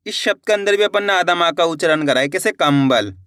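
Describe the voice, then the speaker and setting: A man's voice: high voice, quick pace, sharp tone, no room sound, clean studio sound. A man teaching a reading lesson, sounding out syllables one by one and blending them into words, encouraging his viewers. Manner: addresses viewers as friends, encouraging.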